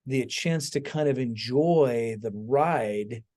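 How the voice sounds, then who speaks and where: Slow and mellow, at a medium pitch, the host of this podcast talks casually. The man, also an author, tells stories with emphatic asides and checks in often with his listener.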